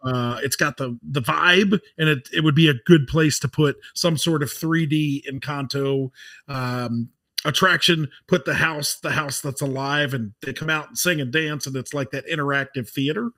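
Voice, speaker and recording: A man's voice: a little high, normal speed, pushed and bright. An American man co-hosting a podcast in a casual, conversational style. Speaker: podcast co-host.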